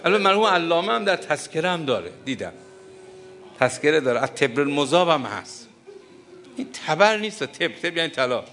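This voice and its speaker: An older man delivers a mourning sermon with deep feeling, his voice sitting somewhat high for a man. His tone is bright and forceful, and his grief pushes him at times into a lamenting chant. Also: very animated. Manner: impassioned, grieving, breaks into lamenting chant. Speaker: preacher.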